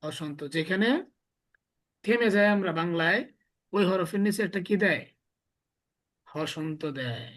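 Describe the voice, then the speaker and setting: A man's voice: sits high, a little slow, long pauses, fairly bright tone. A male teacher gives a classroom lesson. He explains patiently, step by step, and keeps drilling his students with repeated questions.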